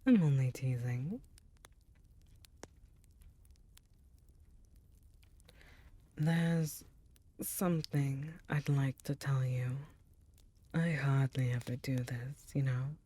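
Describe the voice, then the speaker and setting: In heavily acted form, this intimate ASMR roleplay has a woman playing an ancient female succubus demon queen. Slow and tender, she teases with a note of remorse, her very deep, dark, mellow voice drifting often into breathy whispers.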